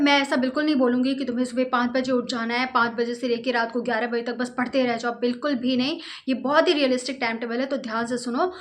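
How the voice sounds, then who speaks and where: Bright, high-voiced woman coaching students. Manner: coaching, repeats "ठीक है" often, mixes English phrases. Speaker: study advice host. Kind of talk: direct-address study tips talk.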